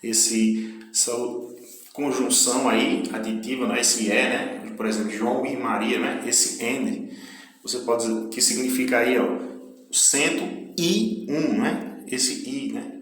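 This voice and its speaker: A man's voice: mid-range voice, takes it slowly, fairly bright tone. A man teaching an English lesson in a chatty way, often checking in with his students. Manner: chatty, peppered with tag questions. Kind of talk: casual video lesson. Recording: echoey room.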